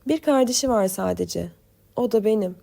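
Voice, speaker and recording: A woman's voice: mid-range voice, normal speed, vocal fry, warm tone, natural voice. A woman voicing a grieving man who speaks formally and courteously in an audiobook story. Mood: solemn. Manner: formal, solemn.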